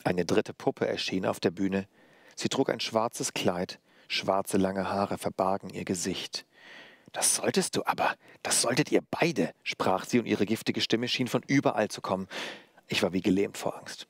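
Man reading his own story aloud, low voice. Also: vocal fry, no room sound, studio quality. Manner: measured, steady storytelling. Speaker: author. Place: library reading.

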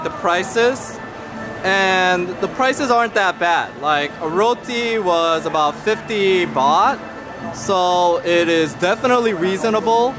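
A man in his thirties hosts a casual travel vlog, holding the camera at arm's length as he walks through an indoor market. His voice sits fairly high and he rambles excitedly, full of fillers and restarts. Music plays clearly behind him. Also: rough recording. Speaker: travel vlogger host. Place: busy indoor food market in a mall. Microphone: handheld camera at arm's length.

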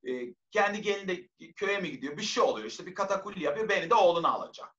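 A woman guest in an interview, telling anecdotes in an animated way. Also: fairly low pitch, very fast. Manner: lively, acts out others' voices in anecdotes. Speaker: guest actress. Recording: roomy, dull lo-fi sound.

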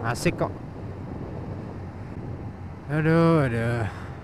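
Speaking very slowly in a mid-range voice, a man from Surabaya, Indonesia, chats casually while riding his motorbike on a village road for his motovlog. He's slangy and informal and uses his own name for himself; engine, wind, road noise and passing traffic sound behind him.

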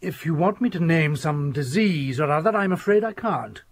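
A prickly British physician in a radio play. His voice is raspy and a little high, and he talks down to people in cool, measured phrases. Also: lively intonation. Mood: cold, reproving. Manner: measured, condescending. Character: cool, haughty male family doctor, prickly. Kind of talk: radio drama acting.

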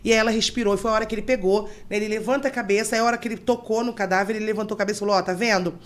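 A woman who teaches mortuary science tells stories from her work at a rapid clip, stopping to explain technical terms for her listeners. Her pitch sits in a middle range. Crowd noise can be heard in the background. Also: steady tone. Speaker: guest, mortuary and embalming instructor. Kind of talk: podcast storytelling.

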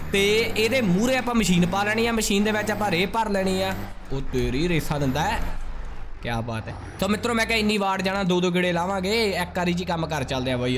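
High-voiced man, hearty gaming banter. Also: a little hiss or hum. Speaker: gaming video host. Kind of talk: casual game commentary to viewers. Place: indoor room, gaming setup.

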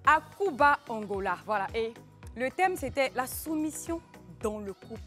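A woman co-hosting a TV talk show, chatting in a lively, playful way. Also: fairly high pitch, normal speed, soft background music. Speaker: co-host. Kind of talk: casual studio banter.

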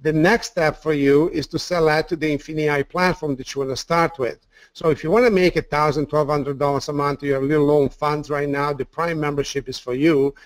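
A man's voice: fairly high pitch, fairly even intonation, fairly quick, dry recording. A man with an Italian accent giving an enthusiastic sales webinar presentation, often repeating words and using fillers.

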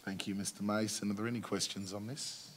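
An Australian man chairing a council meeting as mayor, brisk and procedural, with filler words. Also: lowish voice, flat delivery, a little hiss or hum. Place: council chamber.

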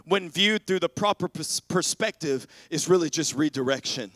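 Pastor, male, preaching; earnest, repeats words, rallies the room; slightly high, dry. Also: animated, normal speed, a bit bright, no room sound. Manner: earnest, repeats words while building momentum; calls out to the congregation. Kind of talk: sermon.

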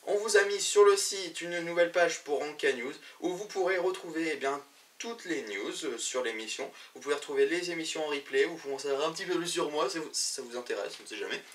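A fairly high-pitched man hosts a gaming news show, talking to camera in a loose, chatty way. He fills his sentences with hesitations and restarts. His voice sits a little back from the mic in an indoor studio. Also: quick pace, a bit bright, far from the mic. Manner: chatty, many fillers and restarts. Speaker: web show host.

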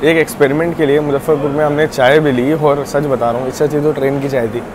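A young man with a slightly high voice talks viewers through a train trip like a tour guide, chatty and informative. He records on a phone held at arm's length on an open station platform. Loud station noise and passing trains run under everything he says. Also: flat delivery, fast talker. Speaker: train travel vlogger. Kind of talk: casual travel vlog narration. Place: outdoor railway station platforms. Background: station crowd and trains.

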